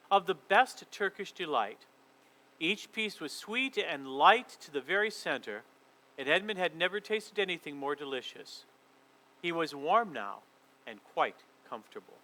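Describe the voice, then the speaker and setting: A man leading a children's church session and reading a storybook aloud in a lively, expressive way. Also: sits high, rough recording.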